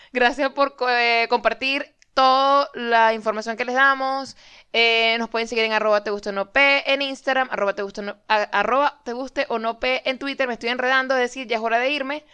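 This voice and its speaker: Venezuelan woman in her 30s, chatty podcast co-host, slightly high voice, smooth and clear. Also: pushed and bright. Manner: chatty, teasing, colloquial. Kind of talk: casual podcast chat.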